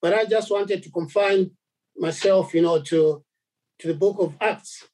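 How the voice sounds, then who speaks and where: A man from Zambia preaching a sermon, halting, with many repeated words and fillers. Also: high voice, darkish tone, low-quality recording.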